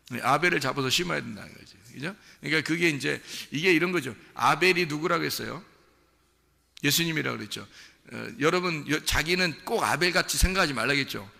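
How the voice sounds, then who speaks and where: A man's voice: on the high side, vocal fry, bright, forceful tone, long reverb tail. A male pastor preaching a conversational sermon, quizzing the congregation and acting out quoted lines with rising animation. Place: church sanctuary.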